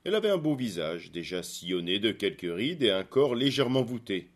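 Male storyteller, scripted narration, calm expressive reading, lowish voice. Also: a little fast.

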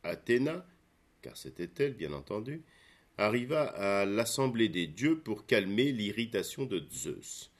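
Low-voiced man narrating a storybook. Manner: measured, expressive reading.

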